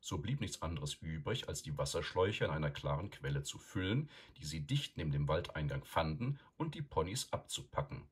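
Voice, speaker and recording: A man narrating an audiobook in a calm, measured storytelling manner. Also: very deep voice, slightly rough.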